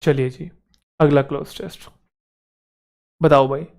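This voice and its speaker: Young male English tutor, higher voice, smooth and clear; chatty lesson that mixes Hindi and English, poses questions and answers them himself. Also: little pitch movement, darkish tone. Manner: conversational, asks and answers his own questions; reads English sentences slowly and deliberately. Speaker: English teacher for exam prep.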